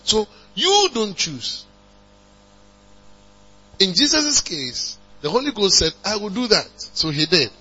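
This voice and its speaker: A man preaching a sermon, calling on the congregation to respond and building to emphatic high passages. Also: big pitch swings, slow, pauses often, sharp tone, husky. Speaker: pastor. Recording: dull lo-fi recording with mains hum.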